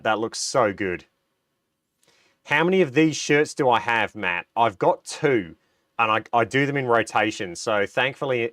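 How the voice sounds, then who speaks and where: A man's voice: medium pitch, a bit bright, dry recording, studio quality. Nasal Australian man with a cold. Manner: chatty, reads out viewer comments, frequent ums and restarts. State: recovering from a cold, a bit nasal. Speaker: livestream host. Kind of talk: casual livestream chat.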